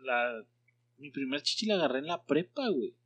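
A man's voice: mid-range voice, animated, moderate pace, fairly bright tone, muffled recording. A young man with a Mexican Spanish accent, bantering with slang in casual chat.

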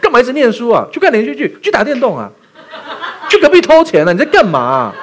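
A pastor voicing an exasperated parent who sarcastically scolds a child for studying. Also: male voice, extremely high pitch, sing-song, fast, slight background noise, pitched above the performer's own voice. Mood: mock scolding.

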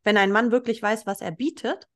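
A woman's voice: a little high, fairly quick, a bit bright. A woman hosting a podcast, chatting in an agreeable, reflective way and asking questions. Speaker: podcast host. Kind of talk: casual podcast chat.

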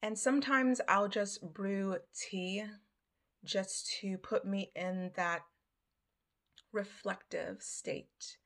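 Woman doing a podcast monologue, really slow and deliberate, reflective, lots of pauses. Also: mid-range voice, steady tone, creaky, fairly bright tone. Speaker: podcast host.

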